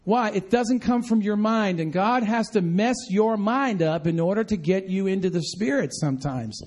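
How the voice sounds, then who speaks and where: High-voiced man preaching with animated asides. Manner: animated, chatty, quick asides and self-corrections. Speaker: pastor. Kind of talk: sermon with storytelling. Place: church room with congregation.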